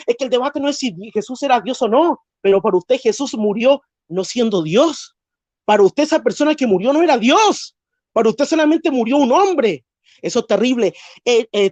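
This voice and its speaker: A man's voice: sits high, a little mellow, dry recording, dull audio. A man making a methodical debate rebuttal, citing verses and pressing his opponent for answers.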